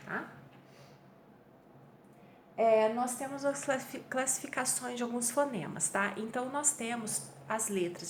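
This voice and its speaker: Brazilian woman, grammar teacher, fairly high voice, patient explainer, soft room noise behind. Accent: Brazilian Portuguese. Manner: patient, explanatory, frequent "tá?" check-ins. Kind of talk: online review class.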